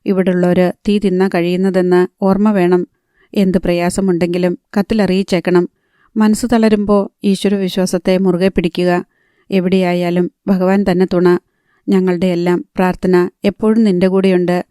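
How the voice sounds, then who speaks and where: A woman narrator voicing an aging village father who gently and earnestly advises his departing daughter, in an audiobook. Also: fairly low pitch, level tone, moderate pace, smooth, dry recording, clean studio sound, close to an everyday voice.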